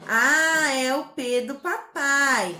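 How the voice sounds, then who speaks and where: A woman with a Brazilian Portuguese accent teaches a spelling rule to small children. She speaks very slowly, in a rather high, sing-song voice full of little diminutives. Her voice rings in an echoey room. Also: pushed and bright. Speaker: primary school teacher.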